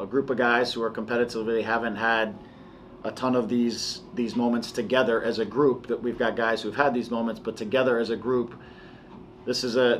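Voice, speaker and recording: Press-conference coach, man in his forties: lowish flat voice, measured and halting, slight hiss behind. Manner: measured, halting, many restarts and fillers. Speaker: soccer head coach. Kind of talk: post-match press conference. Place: press room before a sponsor backdrop.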